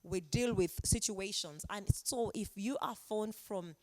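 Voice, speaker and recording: A woman's voice: mid-range voice, a little slow, no echo. A woman from Uganda, an anthropologist speaking as a guest on a webinar panel, explaining her points reflectively with examples over a video call. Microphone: video call mic.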